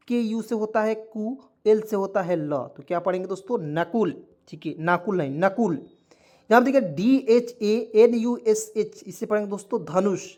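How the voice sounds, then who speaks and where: Man, online lesson, spells words letter by letter, repetitive, keeps checking in with viewers, patient. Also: high-pitched. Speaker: online teacher.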